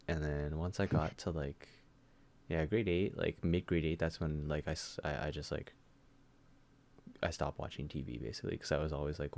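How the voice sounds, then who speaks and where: A man's voice: a bass voice, vocal fry, a little mellow. A young man co-hosting a podcast, chatting casually in a rambling way with lots of fillers and swearing. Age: young adult. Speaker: podcast co-host. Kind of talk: casual chat.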